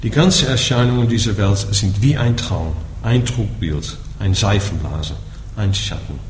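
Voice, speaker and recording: A Dutch man with a lowish voice teaches Buddhism in German, unhurried and patient as he explains to a group. After nearly every point he checks in with "ja?" Faint background noise and an echoey room come through on the recording.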